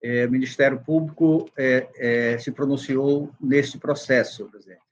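A man, the rapporteur councilor, reading a formal case report and vote in a halting way, with restarts, over a video call. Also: medium pitch, steady tone, muffled recording.

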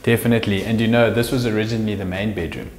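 A man's voice: fairly low pitch, fairly even intonation, racing, darkish tone. A man, hosting a casual walkthrough of an empty old house and chuckling as he points things out. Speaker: house flipper and show host. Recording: echoey empty rooms, light music.

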